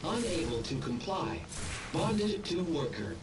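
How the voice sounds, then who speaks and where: A man voicing a calm, polite helper drone in a video game, speaking as a machine computer voice that repeats set phrases. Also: sits high, unhurried, far from the mic, over music, low-quality recording.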